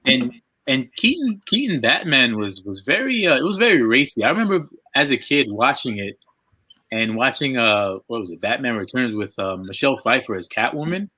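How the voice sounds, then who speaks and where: A man chatting excitedly with fellow artists on a live video call, gushing and laughing as he talks. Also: mid-range voice, moderate pace, slightly rough. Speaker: diorama artist on a live panel. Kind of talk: casual chat.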